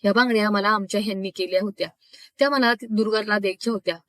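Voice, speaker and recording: A woman voicing a confused, fragile older mother who speaks in a halting, tender way. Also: mid-range voice, steady tone, a bit bright, no room sound, studio quality, natural voice.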